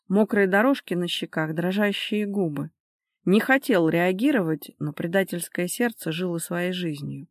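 A woman narrating an audiobook in a measured, even voice at mid pitch. The sound is dry and close, with no room echo.

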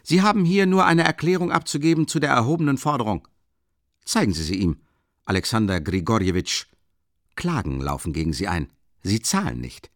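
A man reading an audiobook, playing a hot-tempered male police lieutenant who barks loud commands. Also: low-pitched, very animated, normal speed, dry recording, studio quality. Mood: shouting.

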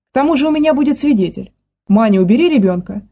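A woman voicing a stern middle-aged father who gives sharp, commanding orders. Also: sits high, animated, fast talker, voice pushed up.

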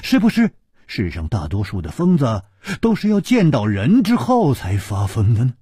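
A man telling a martial arts story theatrically, swinging between hushed and loud delivery. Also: medium pitch, huge pitch swings, moderate pace, slightly rough, no room sound, studio quality. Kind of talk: dramatic audiobook storytelling.

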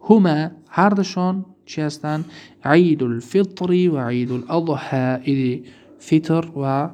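A man with a Tajik accent teaching Arabic grammar in a recorded lesson, reading examples slowly and then explaining them quickly. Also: a little high, darkish tone.

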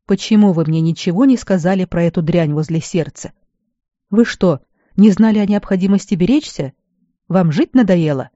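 A reader voicing a weary male garrison healer who scolds at first, then speaks with fatherly gentleness. The recording is dull and dry. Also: high voice, normal speed, no room sound, close to an everyday voice. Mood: scolding. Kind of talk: audiobook character voice.

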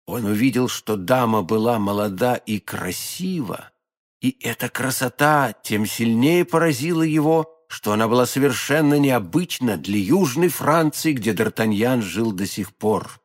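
A man narrating a classic novel as an audiobook, expressive and theatrical. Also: mid-range voice. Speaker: audiobook reader.

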